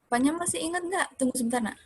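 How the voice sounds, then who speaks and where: A woman's voice: high-pitched, racing, no room sound. A woman teaching young children in an online class, patient and coaxing, often checking that they can see her screen, on a computer mic. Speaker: homeschool teacher. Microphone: computer mic on video call.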